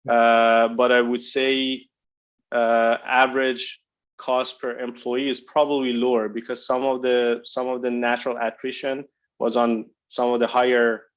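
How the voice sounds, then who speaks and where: A man's voice: medium pitch, flat delivery, a little slow, smooth. Guy on a conference call line, exec answering questions, lots of ums and restarts, kinda dull muffled sound. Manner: hesitant, many fillers and restarts. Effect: conference call phone line. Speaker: company executive answering analysts.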